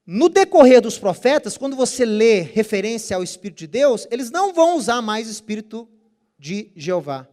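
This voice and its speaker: A man's voice: high voice, sing-song, normal speed, darkish tone. A man teaching a Bible study lecture, explaining Hebrew terms with care and asking rhetorical questions that he then answers himself.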